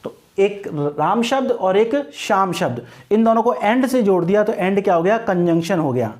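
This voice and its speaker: A man teaching an English grammar lesson, asking questions and answering them himself, and slowing down on English example phrases. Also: sits high, expressive, darkish tone.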